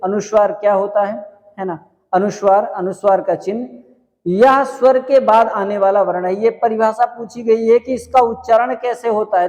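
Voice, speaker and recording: High-voiced man teaching in an echoing hall. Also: darkish tone. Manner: asks the class questions and answers them himself, repeating key points slowly. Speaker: Hindi teacher. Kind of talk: exam-prep grammar lecture.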